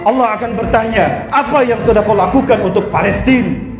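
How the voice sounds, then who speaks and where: A man with an Indonesian accent preaching at a rally in a loud, impassioned soapbox rant. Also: sits high, brisk. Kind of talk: rally sermon. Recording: echoey with music behind. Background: music.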